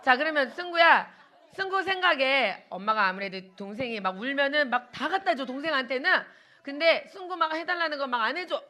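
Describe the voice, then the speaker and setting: A young woman preaching a children's sermon in church, animated, asking the kids questions and acting out little quotes. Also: high-pitched, a little fast.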